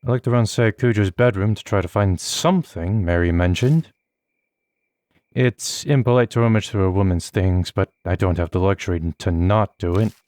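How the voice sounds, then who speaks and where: Low-voiced man narrating a game. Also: normal speed, dry recording. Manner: steady first-person narration. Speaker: let's play host. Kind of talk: reading a visual novel aloud. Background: faint game music.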